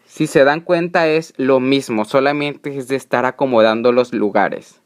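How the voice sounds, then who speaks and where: A man's voice: mid-range voice, moderate pace. A man teaching English grammar, native Spanish speaker, explaining patiently step by step and repeating each example. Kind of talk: slow explanatory grammar lesson.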